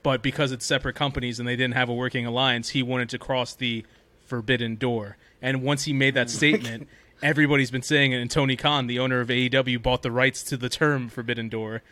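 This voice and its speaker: A man with an average-pitched voice hosts a casual podcast. He tells things in a loose, rambling way, feeling his way through the details as he goes. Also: steady tone, fast talker, bright, forceful tone, dry recording. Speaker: podcast host. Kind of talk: casual chat about wrestling news.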